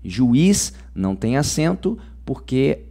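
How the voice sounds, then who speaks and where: A man's voice: mid-range voice, big pitch swings, slow, dark tone. A man with a Brazilian Portuguese accent teaching a grammar lesson online, chatty and informal, tagging sentences with "ok?". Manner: chatty, says "ok?" and "moçada" often.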